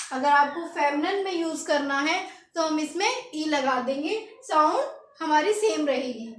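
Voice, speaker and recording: Woman, language teacher, high-pitched, spells out words, asks learners to repeat, roomy echo. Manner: spells words letter by letter and has students repeat. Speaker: French teacher. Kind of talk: lesson for beginners. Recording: echoey room.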